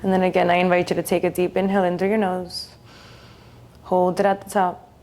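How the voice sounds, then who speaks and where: This is a woman's voice, fairly low and with little movement in pitch, guiding a meditation. She speaks calmly and slowly, pausing at length after each phrase.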